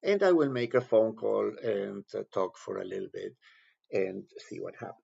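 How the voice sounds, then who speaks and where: A man with a low, very gravelly voice and wildly swooping pitch walks through a software task in a step-by-step screen tutorial. His instructor-like explanation is given in short, halting phrases, and the sound is somewhat dull and lo-fi.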